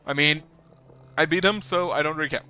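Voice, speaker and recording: Bright-voiced man doing casual gameplay commentary. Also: fairly high pitch, fairly quick, soft background music. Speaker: video game player.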